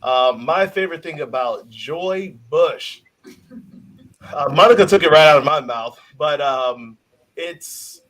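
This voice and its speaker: A man from Chicago, a guest business owner, speaking earnestly in a casual interview with frequent pauses. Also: fairly high pitch, animated, fairly bright tone, rough recording. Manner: earnest, halting with fillers and restarts.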